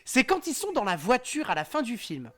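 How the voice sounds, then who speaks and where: This is a man talking casually as a podcast guest. His pitch leaps and swoops with animation, and he laughs often. He defends his opinion with a cheerful, apologetic insistence. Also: wildly swooping pitch, brisk, a bit bright. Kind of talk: casual chat.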